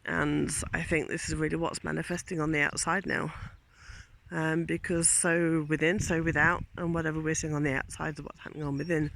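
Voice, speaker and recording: Walking outdoors in the countryside, a teacher records a casual vlog on a handheld phone, musing aloud in a rambling, reflective way and sometimes losing his thread. His voice is a little high, creaky and fairly bright, with little pitch movement and a fairly quick pace, and there's slight background noise.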